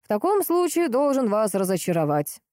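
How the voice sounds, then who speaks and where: A woman voicing a grumpy, irritable middle-aged male police colonel who talks dryly and gruffly, in an audiobook. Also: medium pitch, expressive, fairly quick, mellow, dry recording, pitched above the performer's own voice, close to an everyday voice. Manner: dry, gruff and snappish.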